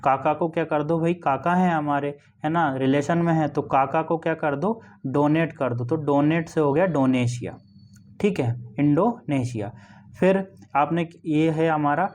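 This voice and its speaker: Male teacher, slightly high voice, patient explainer who repeats and checks in. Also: a little slow, darkish tone, slight background noise. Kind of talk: exam-prep memory tricks lesson.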